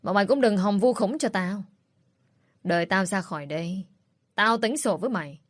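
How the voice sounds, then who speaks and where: A woman's voice: medium pitch, moderate pace, no echo, studio quality, lightly acted. A woman voicing a ruthless middle-aged stepmother who speaks with contempt and threats in a read-aloud story. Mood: scornful.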